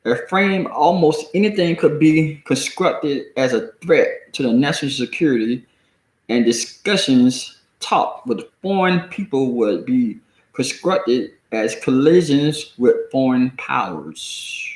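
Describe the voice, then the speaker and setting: An American man with a deep Southern accent, reading and commenting casually on the news in a halting, folksy, colloquial way. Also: lively intonation, a little mellow. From United States. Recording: echoey room.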